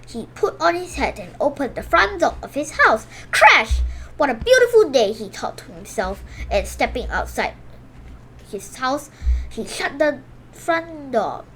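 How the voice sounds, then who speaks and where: A storybook reader on a children's channel performs a picture book in a high, sing-song, fairly bright voice at a measured pace. She exclaims the sound effects and occasionally trips over words, then fixes them. Faint music plays, and the audio quality is poor.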